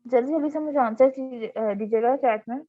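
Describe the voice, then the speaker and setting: A woman teaching an online grammar class, explaining patiently and reading examples slowly. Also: high-pitched, warm tone, no echo. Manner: patient explaining, reading English examples slowly, frequent "theek hai" check-ins. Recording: tinny phone-like online class audio.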